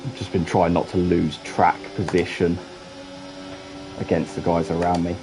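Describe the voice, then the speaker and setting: Deep-voiced man commentating a race game. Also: flat delivery, moderate pace, poor audio. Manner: chatty, dry asides while racing. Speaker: streamer playing a racing game. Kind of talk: casual gameplay commentary.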